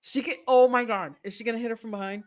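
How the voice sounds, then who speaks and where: A woman co-hosting a live watch-along, reacting loudly and excitedly, swearing and cheering at the screen. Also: a little high, fast.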